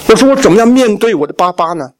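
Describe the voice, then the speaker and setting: A middle-aged male pastor from Shandong, China, tells his life story in a sermon testimony and acts out the family talk. His voice is high-pitched with lively intonation, and he's a fast talker.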